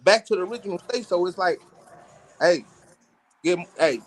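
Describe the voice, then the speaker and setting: A man's voice: sits high, expressive, moderate pace. A man on a podcast panel who talks in a slangy, laid-back way and keeps checking that he is understood. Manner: slangy, laid-back, keeps saying "you know what I'm saying". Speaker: panel guest. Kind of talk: casual panel discussion.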